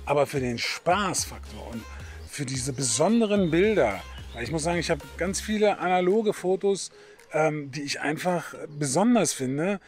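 Chatty middle-aged man, soft music behind. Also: fairly high pitch, lively intonation, moderate pace. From Berlin, Germany. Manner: chatty, hesitant, many fillers. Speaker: photography channel host. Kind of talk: casual talk to camera.

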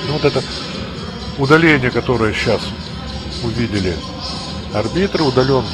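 A male hockey commentator calls the game live at a middle pitch. He moves between exclamations and analytical asides, with music clearly audible behind his voice. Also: moderate pace. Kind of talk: live play-by-play sports commentary.

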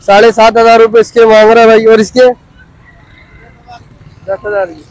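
A man's voice: high-pitched, flat delivery, moderate pace, clean tone, no echo, poor audio. A man in his thirties vlogging through a busy outdoor street market, chatting casually, repeating prices and talking to viewers. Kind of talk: casual walkthrough vlog, asking prices.

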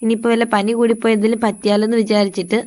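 A woman talking quickly in a casual vlog about her pet cat at home. Her voice sits a little high, and her chatty, tender manner carries through her narration. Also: level tone, darkish tone. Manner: chatty, tender, ends sentences with "ട്ടോ". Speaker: cat vlogger.

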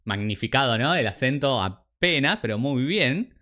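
An Argentine man commenting in an easy, conversational way, his voice in a middle range. He interrupts often with quick asides and laughter. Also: medium pitch, animated, pushed and bright. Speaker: reaction video host. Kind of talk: casual reaction commentary.

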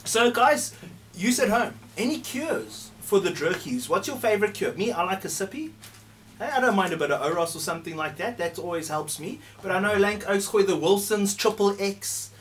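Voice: medium pitch, lively intonation, moderate pace. A South African host talks casually on a live stream. The delivery is laid-back and loose, with frequent laughter and swearing. Faint background noise sits under the voice. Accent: South African English.

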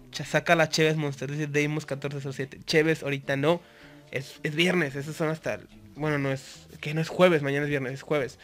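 A man's voice: on the high side, fairly bright tone. A man with a Mexican accent giving live gameplay commentary, chatty and constantly greeting viewers. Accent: Mexican Spanish. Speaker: gaming YouTuber.

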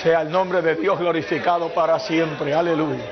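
A man preaching a fervent sermon in church, peppering it with hallelujahs and breaking into shouts. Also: on the high side, steady tone, moderate pace, crowd noise. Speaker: pastor. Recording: dull lo-fi church recording.

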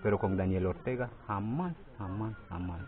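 A man in his forties, a community judge, interviewed outdoors by a forest clearing, talking haltingly and repeating words, growing forceful as he protests. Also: on the low side. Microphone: phone held near the face. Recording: tinny phone-like sound.

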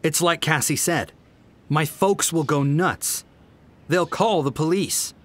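A man's voice: a little high, slow, a bit bright, voice pushed up. A man voicing an urgent teenage boy arguing. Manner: urgent, insistent.

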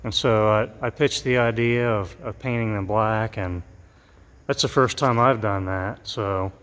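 A middle-aged man, a mural painter, walks through his work in a vast, empty school gym, chatting casually with plenty of fillers. His voice is lowish and fairly bright, and he doesn't rush. The recording carries the gym's long reverb.

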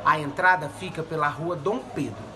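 A man, a community program coordinator, warmly inviting people to a Christmas event. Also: fairly high pitch, normal speed, noisy background. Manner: warm and inviting. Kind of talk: invitation to camera.

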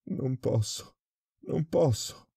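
A man's voice: measured pace, mellow, slightly rough, dry recording, studio quality. A man doing a terrified, stammering prisoner. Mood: terrified pleading. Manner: high-pitched, stammering, desperate pleading. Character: terrified adult male prisoner, panicked and pleading.

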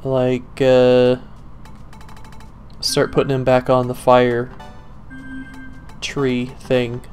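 A man's voice: mid-range voice, completely flat delivery, extremely slow, a little mellow. Sarcastic young man muttering over gameplay. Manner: sarcastic, profane, mutters to himself. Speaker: let's play gamer. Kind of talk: casual gameplay commentary. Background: faint game music.

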